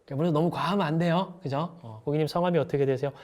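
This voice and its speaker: A man's voice: fairly high pitch, racing, a little mellow. A middle-aged man giving an online sales lecture to hairdressers, acting out little dialogues as he teaches. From South Korea. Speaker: sales instructor.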